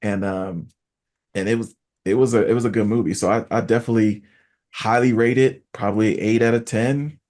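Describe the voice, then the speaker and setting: A man's voice: lowish voice, brisk. A man hosting a casual podcast chat, talking animatedly and acting out quotes to make his points. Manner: animated, acts out quotes when making a point. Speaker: podcast host.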